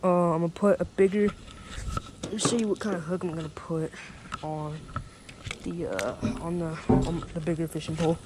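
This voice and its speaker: Out by a small pond, a young fishing vlogger narrates in a slightly high, steady voice at a moderate pace, leaving long pauses. He keeps things laid-back and chatty, often calling out "dude" and "bro." The recording is from a head-mounted action camera mic outdoors, with wind and background noise.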